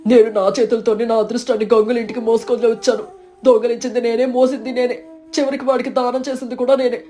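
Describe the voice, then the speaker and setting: A woman voicing a greedy, jealous village man in an animated storybook, with bitter, self-pitying outbursts. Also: on the high side, fast talker, lightly acted. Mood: dismayed. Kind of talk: storybook character voice.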